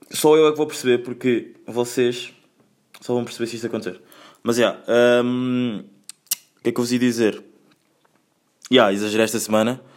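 Chatty young man hosting his podcast. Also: on the low side. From Angola. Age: 20s. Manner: loose and chatty, full of slang, drops in English phrases. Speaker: podcast host. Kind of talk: casual solo podcast chat. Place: at home.

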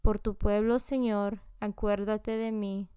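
A woman reading scripture and daily prayers in a measured, solemn devotional style. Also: mid-range voice, flat delivery, dark tone, smooth, no echo, clean studio sound. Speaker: scripture reader.

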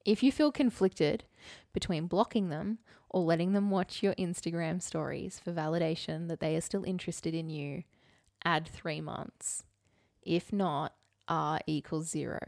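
This woman's deep, gravelly voice is a little mellow, with fairly even intonation and an unhurried pace. Co-hosting a podcast, she chats in a playful, mock-serious way, talking through a formula aloud in light comedic conversation.

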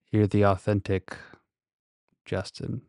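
Deep-voiced man, slow and gravelly, close-miked. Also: little pitch movement, a little mellow, dry recording. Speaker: podcast host. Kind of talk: casual solo podcast monologue, rambling and reflective. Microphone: very close to the microphone.

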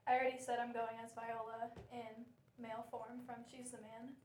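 Chatty young woman, slightly high, echoey. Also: little pitch movement, normal speed, darkish tone, slight background noise. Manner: chatty, opinionated. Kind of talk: casual roundtable chat. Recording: echoey room with faint ambience.

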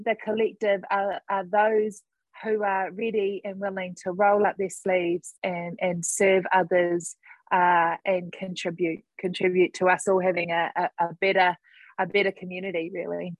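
A woman's voice: mid-range voice, no echo, rough recording. A woman with a New Zealand accent, talking conversationally as a panel guest and mixing in Māori words. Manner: mixes Māori words and greetings into speech. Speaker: panel guest, coalition co-chair.

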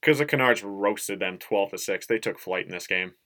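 Joking male podcast co-host, lowish voice. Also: normal speed, pushed and bright. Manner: joking, laughs at own jokes. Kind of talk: casual sports chat.

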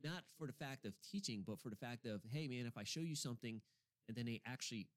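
A man's voice: mid-range voice, fast. A man hosting a casual studio chat, laid-back and joking, often trailing off mid-sentence. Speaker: podcast host. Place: small studio.

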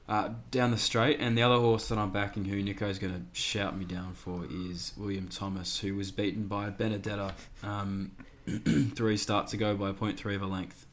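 A young Australian man co-hosting a racing podcast, flat and monotone, nasal from a cold, with many fillers. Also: sits low, a little hiss or hum. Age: young adult. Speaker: podcast co-host, tipster. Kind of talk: casual podcast chat.

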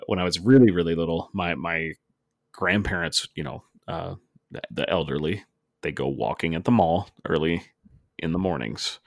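A man's voice: low voice, dry recording, studio quality. A man co-hosting a gaming podcast, rambling casually and laughing often. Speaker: podcast co-host. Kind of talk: casual chat.

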